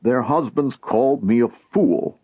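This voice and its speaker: A man's voice: mid-range voice, expressive, measured pace, husky, no room sound. A man voicing an agitated, pleading old man who insists on a warning, in a storybook reading. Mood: dispirited. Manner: urgent, insistent. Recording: tinny phone-like sound.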